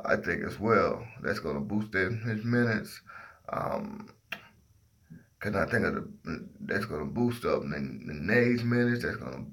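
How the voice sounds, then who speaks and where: Sleepy, low-voiced man chatting about sports. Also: vocal fry, fairly bright tone. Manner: drowsy, losing train of thought, groping for words. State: sleepy, half asleep after working all night. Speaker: sports livestream host. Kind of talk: casual opinionated sports commentary.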